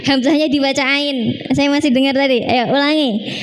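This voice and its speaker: High-voiced woman teaching Quran recitation. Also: steady tone, slight background noise, poor audio. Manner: patient, demonstrates sounds slowly and corrects students. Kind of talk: live tajwid class.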